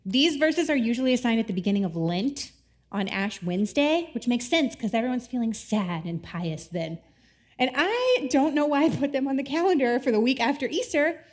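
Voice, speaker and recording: A woman in her thirties giving a casual, playful sermon with laughing asides and a scripture reading. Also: high voice. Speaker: pastor.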